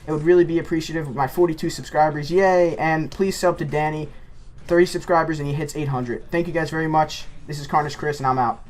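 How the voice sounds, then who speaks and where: A man's voice: a little high, fast talker, a little hiss or hum. A man telling a rambling personal story as a casual gameplay commentator. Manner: rambling, animated anecdote-telling.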